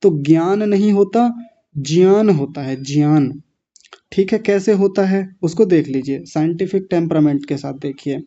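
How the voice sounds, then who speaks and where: A man's voice: sits high, steady tone, normal speed, hardly any pauses, mellow. A man teaching pronunciation in an online class, breaking words into syllables and correcting students patiently. The audio comes through a slightly muffled online microphone.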